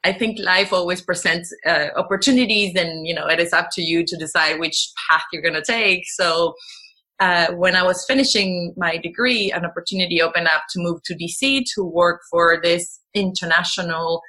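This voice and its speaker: Bright-voiced woman, low and chatty. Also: fairly even intonation, normal speed. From Venezuela. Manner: rambling, with many fillers and restarts. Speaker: guest. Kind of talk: casual conversational interview.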